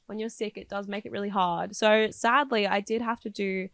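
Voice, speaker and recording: A woman's voice: medium pitch, fairly even intonation, moderate pace, fairly bright tone, no echo, studio quality. A woman, co-hosting a vlogcast in bubbly, casual chat and laughing often. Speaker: vlogcast co-host.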